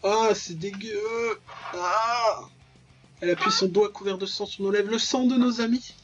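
This gaming video host is a young man with a high, slightly bright voice and fairly even intonation, speaking at an unhurried pace. His let's play commentary is casual and slangy, full of mock-dramatic, exclamatory reactions. The audio is dull, with soft music in the background.

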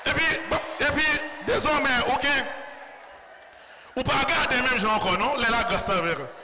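A man with a Haitian accent, a priest delivering a fervent sermon in church and often shouting out to the congregation. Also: extremely high pitch, moderate pace, over a noisy crowd. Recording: loud background noise.

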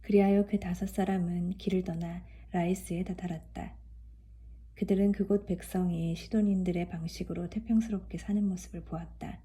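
A woman reading scripture aloud in a calm, even way. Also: on the low side. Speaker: scripture reader.

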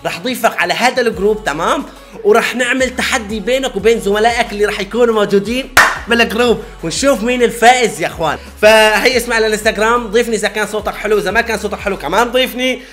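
A man's voice: high voice, rapid-fire, over music. A man hosting a reaction video, chatty and eager, calling his viewers brothers. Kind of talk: casual reaction commentary.

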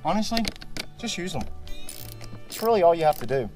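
A man's voice: on the high side, big pitch swings, fairly quick, darkish tone, faint music behind. A man in his forties hosting a car repair vlog from his open garage, chatting casually and repeating "honestly" and "guys" often. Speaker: car repair channel host. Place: open home garage, outdoors by driveway.

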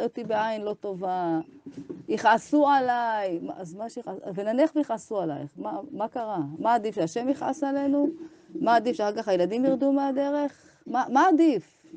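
A woman's voice: high-pitched, vocal fry, warm tone, no room sound. A woman teacher giving an impassioned Torah ethics lesson to women, arguing with rhetorical questions and acting out imagined dialogues.

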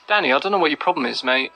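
A man narrating a prank in a casual, taunting tone, mocking the person he is winding up. His voice has a gravelly, creaky edge and a bright, forward tone. He speaks at an ordinary pitch. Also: a little hiss or hum, rough recording. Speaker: gamer, prankster. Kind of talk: casual commentary over voice clips.

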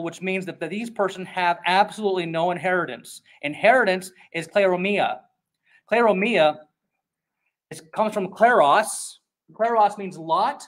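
The preacher's voice sits high as he works through an expository sermon. He talks in a conversational, emphatic way and often breaks into quick impersonations.

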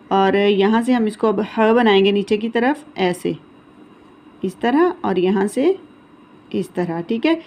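A woman teaching young children in a recorded lesson, sounding out letters slowly and checking in often. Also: mid-range voice, a little mellow. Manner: patient, repeats letter sounds slowly, checks in with "theek hai".

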